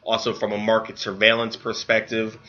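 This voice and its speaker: A hungover man co-hosting a podcast, explaining things informally in a halting, hedging way full of fillers. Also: fairly low pitch, monotone, pushed and bright. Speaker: podcast co-host and editor. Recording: dull lo-fi audio.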